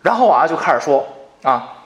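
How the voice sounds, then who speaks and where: A man's voice: a little high, big pitch swings, fairly quick, fairly bright tone, reverberant, muffled recording. A man co-hosting a casual comedic podcast chat, joking and acting out little scenes. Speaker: podcast co-host.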